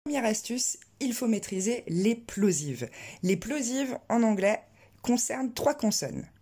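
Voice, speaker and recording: A woman giving a pronunciation lesson, speaking clearly and deliberately and slowing down to model words for her students to repeat. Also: fairly high pitch, sing-song, warm tone. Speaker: English pronunciation teacher. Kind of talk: scripted online lesson.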